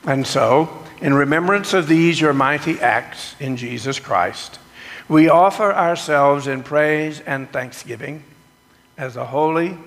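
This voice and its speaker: Slow, gravelly pastor in cathedral echo. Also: male voice, fairly high pitch. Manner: slow, measured liturgical delivery. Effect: cathedral echo, long church reverb. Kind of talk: sermon and communion liturgy. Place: church sanctuary. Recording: long echoing church reverb.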